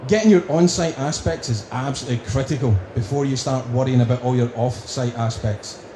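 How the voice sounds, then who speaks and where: A man with a broad Scottish accent giving a prepared conference talk, speaking deliberately in emphatic lists. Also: mid-range voice, warm tone. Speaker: conference speaker, company director. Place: indoor conference room. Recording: roomy, echoing venue with faint noise.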